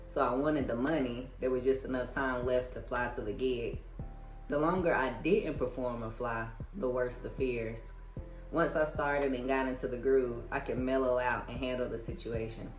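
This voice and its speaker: Reading books aloud with relaxed, conversational commentary, this American reviewer has a medium-pitched voice. The low-quality recording sounds reverberant.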